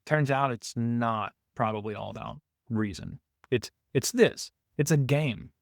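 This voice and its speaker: A man delivers reaction commentary on a debate clip in an emphatic, arguing tone. He keeps asking pointed rhetorical questions. His voice sits at a middling pitch and sounds close and dry. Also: a little slow, gravelly, no echo. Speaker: reaction video host.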